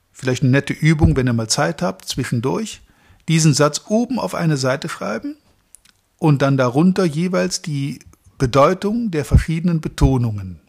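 A man's voice: fairly high pitch, vocal fry, darkish tone, breathy edge. A middle-aged man from Germany giving a motivational training talk to salespeople, speaking to them directly and stacking up long lists of verbs.

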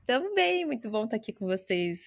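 Uma mãe conversando de forma descontraída, ouvida por uma chamada de vídeo, com risadas leves. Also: female voice, on the high side, big pitch swings, fairly quick, vocal fry, no echo, muffled recording. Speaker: guest mother. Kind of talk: casual chat.

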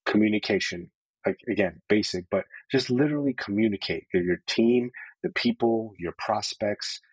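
Husky low-voiced man, earnest and open. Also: normal speed, no echo, poor audio. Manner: earnest, open, many filler "like"s. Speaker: podcast guest, sales leader. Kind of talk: candid personal storytelling.

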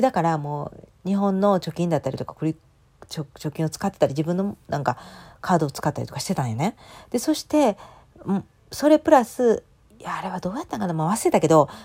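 A woman in her thirties talks in a Kansai accent. Her voice is low and mellow, but it swings widely in pitch. She tells a personal story quickly and with feeling, full of fillers and asides. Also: breathy edge. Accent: Kansai Japanese. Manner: chatty and emotional, lively dialect storytelling with many fillers. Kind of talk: casual storytelling monologue.

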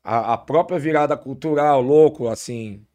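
A man's voice: mid-range voice, normal speed. Guy w/ a são just chatting, lots of slang n restarts, average voice. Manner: relaxed storytelling, heavy slang, frequent restarts. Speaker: podcast guest. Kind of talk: casual chat.

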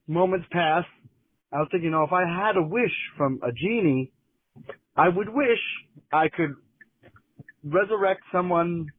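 A man's voice: a little high, breathy edge, no echo. Man, leaving a voicemail, rambling, phone-line sound, dry. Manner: rambling, meandering. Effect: leaving a voicemail over a phone line. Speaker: caller. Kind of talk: casual voicemail.

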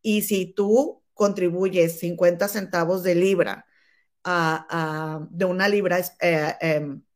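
A woman's voice: fairly low pitch, fairly even intonation, slow. Female interview host, conversational and familiar with her audience. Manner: chatty, addresses listeners familiarly. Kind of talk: conversational live interview in Spanish and English.

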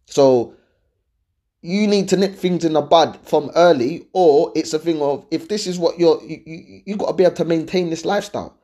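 A man's voice: on the high side, moderate pace, dark tone. A man with a London accent chatting casually and giving his opinions to viewers in a slangy, conversational way, often checking that they follow him. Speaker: host giving dating and lifestyle advice.

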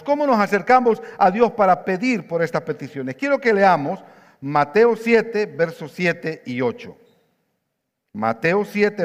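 A Honduran man, a pastor, preaching a sermon in a church, telling a personal story and acting out the dialogue. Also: high-pitched. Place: church sanctuary. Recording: long church reverb.

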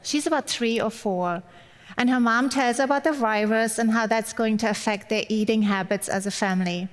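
Her pitch is fairly high and her speed normal as this guest preacher from Germany, middle-aged and German-accented, gives a personal sermon with a light touch of humor. Long reverb, like that of a hall, fills the recording.

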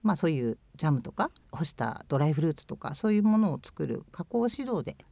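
A woman's voice: sits low, very animated, quick pace, vocal fry, warm tone, no room sound. A woman in her fifties from Japan, answering interview questions in a thoughtful, hesitant way with many fillers. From Chiba, Japan. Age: 50s. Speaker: guest, former overseas volunteer.

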